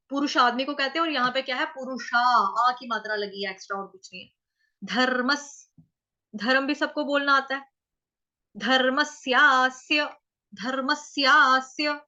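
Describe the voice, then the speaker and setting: High-voiced woman drilling Sanskrit syllables. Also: pushed and bright, dull audio. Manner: slow, syllable-by-syllable drilling with repeated examples. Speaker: Sanskrit recitation teacher. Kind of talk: online pronunciation lesson.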